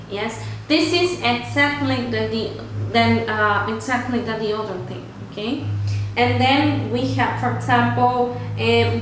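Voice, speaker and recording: Slow-talking woman teaching in an echoey room. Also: on the high side. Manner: switches between English and Spanish, frequent "okay?" checks. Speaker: English teacher. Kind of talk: online grammar lesson. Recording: very echoey room with faint ambient noise.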